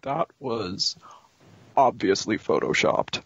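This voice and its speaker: A woman's voice: deep voice, expressive, measured pace, no echo, dull audio. A woman playing a petulant, sarcastic young male villain in an improvised comic role-play, sulky and pedantic. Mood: sulky denial.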